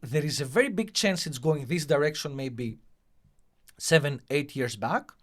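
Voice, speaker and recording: A man's voice: fairly high pitch, lively intonation, moderate pace. A man with a Greek, Mediterranean accent speaking conversationally as an interview guest, explaining his points and posing rhetorical questions. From Greece. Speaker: interview guest, hotelier and revenue technology professional.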